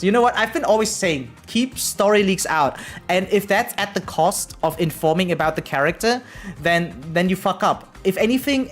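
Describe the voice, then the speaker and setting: A high-pitched variety game streamer chats casually with his live viewers over music. He rambles and repeats himself, using slang and profanity, and often ends sentences with "right?".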